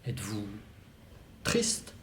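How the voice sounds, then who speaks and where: A young student actor gives a solo stage reading, playing an anxious lover who pleads, stammering and repeating himself. His voice is fairly bright and his delivery very slow. The room has a roomy echo.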